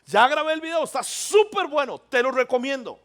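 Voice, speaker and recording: A man's voice: extremely high pitch, lively intonation, normal speed, a bit bright. A middle-aged male pastor preaching a sermon, asking the congregation rhetorical questions.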